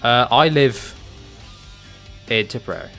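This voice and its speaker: A young man from England rambles casually as he streams a fighting game. He restarts his sentences often and drops in the odd curse word. His tone is lively and sharp, and faint music plays underneath. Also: mid-range voice, a little slow, vocal fry. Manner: chatty, rambling with restarts and mild swearing. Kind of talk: casual chat while gaming.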